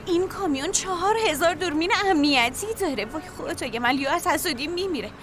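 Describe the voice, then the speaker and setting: A woman plays a young forensic scientist in a dubbed TV drama, always hurried and quick to apologize. Her voice is high, and music runs under the dialogue. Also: close to an everyday voice. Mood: curious. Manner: flustered, apologetic.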